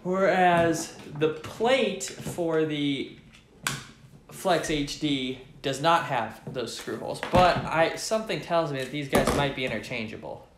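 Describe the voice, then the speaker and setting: A man's voice: fairly high pitch, takes it slowly, reverberant, background noise. A young man chatting casually to the camera from his living room couch, enthusiastic and thinking aloud as he unboxes tech gear. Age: young adult. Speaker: tech vlogger.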